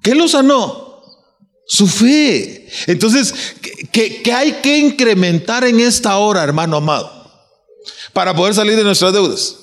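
Preacher guy, kinda high voice, big pitch swings, lots of questions n restarts, reverby church hall. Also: lively intonation, unhurried. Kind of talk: sermon.

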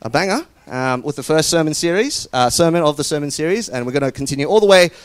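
A man's voice: fairly high pitch, expressive, fast, clean tone, dry recording. Casual man preaching, hints of New Zealand accent. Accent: occasional New Zealand inflection. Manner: casual, hesitant, many fillers. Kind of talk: sermon with scripture reading. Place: church service.

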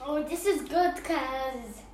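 A woman's voice: sits high, slow, roomy sound, slight background noise. A young woman chatting with her sister on a vlog, giving short, hesitant replies. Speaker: co-host sister. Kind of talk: casual chat while eating.

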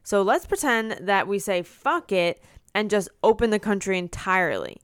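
A woman from the United States co-hosting a casual podcast, walking through numbers with wry, deadpan sarcasm. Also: medium pitch, normal speed, smooth, no echo, studio quality. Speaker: podcast co-host.

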